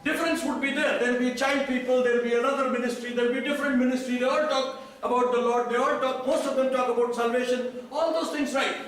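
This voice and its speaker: A man's voice: very high-pitched, a bit bright. A man with an Indian accent, speaking at a conference, quizzing the audience and repeating their answers back. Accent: Indian English. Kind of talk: interactive talk to an audience. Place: conference hall. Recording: echoey hall from a distant mic, faint noise.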